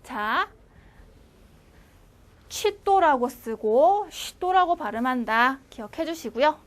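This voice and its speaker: A woman teaching an online language lecture, repeating words slowly and clearly for learners to follow. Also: high-pitched, lively intonation.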